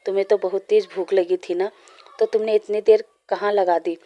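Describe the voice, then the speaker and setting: A woman's voice: medium pitch, fairly even intonation, moderate pace, warm tone, lightly acted. A woman voicing a caring male friend who fusses over someone, in a read-aloud storybook, in her own plain reading voice. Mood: concerned.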